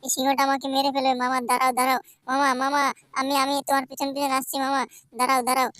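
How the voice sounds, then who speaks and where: A woman's voice: sits high, monotone, rapid-fire, a bit bright, smooth, no echo. A woman voicing a scared, whiny little boy who keeps pleading with his uncle and repeats his words. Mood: frightened pleading. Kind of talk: game play voice acting.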